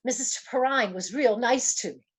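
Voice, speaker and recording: In an old-time radio detective play, a woman voices a frightened young gangster's moll on the run, slangy, pleading, and confessing in a scared mood. Her voice is on the high side with a breathy edge, at a moderate pace.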